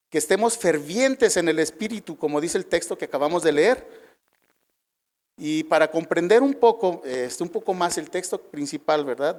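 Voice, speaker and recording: A middle-aged man preaching a sermon in a conversational way, often tagging his sentences with questions to the congregation and pausing on fillers. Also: a little high.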